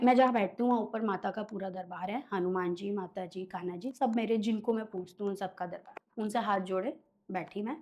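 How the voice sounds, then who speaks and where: A woman's voice: mid-range voice, darkish tone. A woman guest telling stories in a conversational interview, animatedly acting out her clients' voices in quotes. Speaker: guest, occult healer.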